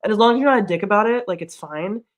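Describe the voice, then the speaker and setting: A woman's voice: medium pitch, animated, racing. A woman in her thirties streaming casually, rambling through chat with lots of "like"s at a desk mic. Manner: chatty and rambling, many "like"s.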